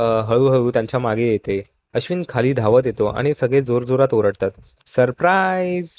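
A man's voice: mid-range voice, no room sound. Man narrating a TV serial recap. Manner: steady storytelling, addresses viewers as friends. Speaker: show recap host.

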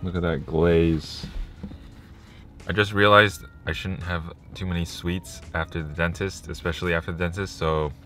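A man's voice: low voice, fairly even intonation, moderate pace, bright, forceful tone, soft background music. A young man talking casually to camera as a vlogger. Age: young adult. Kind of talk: casual vlog chat.

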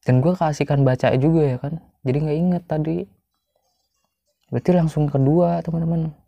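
A man's voice: on the high side, fairly even intonation, normal speed, vocal fry, warm tone, no room sound. A chatty young man, commenting on a story game and talking to his viewers. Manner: chatty, addresses viewers as friends. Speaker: gaming YouTuber.

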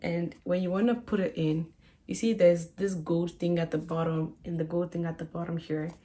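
Showing viewers around her small bedroom, this twenty-something vlogger talks casually to camera and calls them "guys." She speaks at a normal speed in a lowish, dark voice with fairly even intonation, captured by a camera mic held at arm's length and set across the room.

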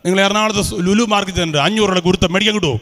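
High-voiced preacher man in echoing hall. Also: steady tone, racing, fairly bright tone. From Kerala. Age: 50s. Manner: quizzes the audience with repeated questions. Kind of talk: lively religious talk to schoolchildren. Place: large hall with student audience. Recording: reverberant hall.

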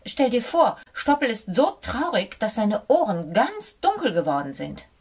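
A woman's voice: a little high, sing-song, a little slow, darkish tone, husky, voice pushed up, heavily acted. A woman voicing a small, timid female mouse who stammers and trembles in an audiobook for children. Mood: pleading. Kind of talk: audiobook character voice.

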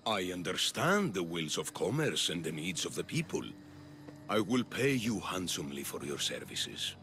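Voicing a grandiose, scheming Athenian populist in a video game, this man speaks in a gravelly, oratorical, exaggerated style at normal speed. His voice sits low but swings widely in pitch, with a sharp tone and a rousing, commanding mood. Slight background noise can be heard.

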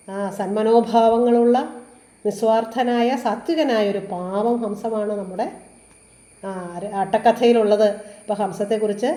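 Female teacher, slightly high and soft-toned, chants verse and then explains it, recorded in a reverberant room. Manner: chants verse lines slowly, then explains them plainly; asks rhetorical questions to students. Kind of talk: exam-prep literature lesson. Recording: echoey room.

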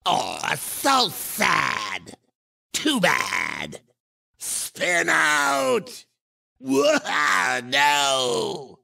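Komodo Joe, a gravelly gloating reptile. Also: male voice, on the high side, huge pitch swings, drawn-out words, exaggerated voice. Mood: gloating, shouting. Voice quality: gravelly, sharp. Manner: exaggerated, taunting exclamations. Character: sly, gloating cartoon komodo dragon racer villain. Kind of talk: cartoon video game character barks.

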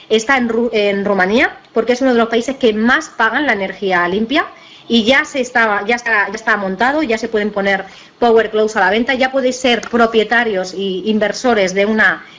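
A woman from giving a persuasive sales pitch over a slideshow, with many fillers, restarts and rhetorical questions. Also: low-quality recording. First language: Italian. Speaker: network marketing presenter.

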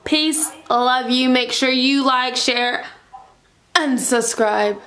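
Speaking slowly in a high-pitched, fairly bright voice, a young woman vlogs casually from her home kitchen and living room. She's chatty and playful, muttering asides to herself into a handheld camera held close.

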